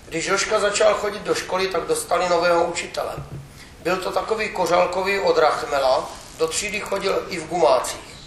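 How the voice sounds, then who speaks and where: A man reading a memoir aloud with steady, wry storytelling. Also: high voice. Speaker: reader. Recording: echoey room with faint background noise.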